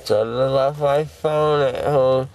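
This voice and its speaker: A young man just out of wisdom teeth surgery, slurred and groggy, rambling haltingly and confusedly in casual chat. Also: fairly even intonation, a little mellow, far from the mic. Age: young adult. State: groggy and slurred after wisdom teeth removal, mouth full; hiccuping. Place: inside a car. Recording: noisy car, rumbling background noise.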